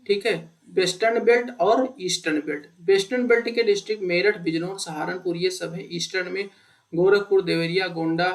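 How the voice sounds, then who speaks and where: A man with a high voice walks students through an exam-prep lesson. He asks his own questions and answers them in a chatty, conversational way. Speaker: teacher. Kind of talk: explanatory exam-prep lecture.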